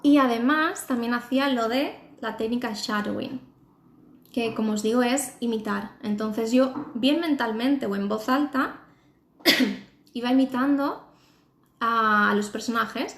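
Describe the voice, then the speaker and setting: A woman giving casual advice on speaking English on a live stream, chatty with many fillers and restarts. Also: a little high. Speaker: English teacher. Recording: roomy echo.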